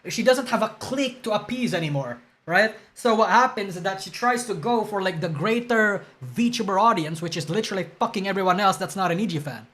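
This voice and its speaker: A streamer giving casual, profane reaction commentary with loud outbursts. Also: medium pitch, brisk, hardly any pauses.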